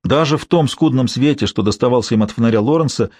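A male narrator reads a suspense audiobook, steady and measured, in a mid-pitched voice. The recording is dry and close, with no room sound. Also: dry recording. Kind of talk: scripted narration.

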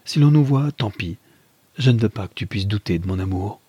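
An impassioned young mother, torn between love and duty, begs in breathless, pleading phrases, as a male reader raises his voice to play her. The voice stays husky and close, in a dry, unechoing audiobook reading. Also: fairly low pitch, expressive, a little fast, mellow, no room sound. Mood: urgent.

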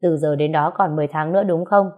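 A woman's voice: low voice, steady tone, quick pace, phone-quality sound, lightly acted. A woman reading a story aloud, voicing a cold, stern middle-aged man who speaks in curt phrases.

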